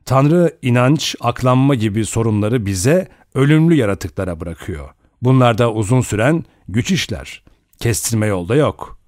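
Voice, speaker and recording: A man voicing an old judge with a cool, sardonic, clear-spoken manner. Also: medium pitch, lively intonation, normal speed, a little mellow, no echo, clean studio sound, lightly acted.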